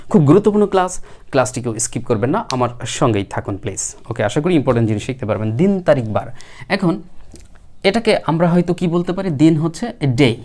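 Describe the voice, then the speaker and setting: A male teacher giving a spoken English lesson, who patiently repeats words slowly for learners. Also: fairly high pitch, lively intonation, a little mellow.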